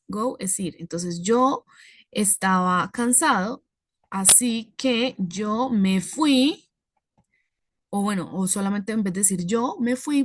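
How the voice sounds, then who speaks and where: A woman teaching an English class, explaining patiently step by step and checking in with her students. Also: medium pitch.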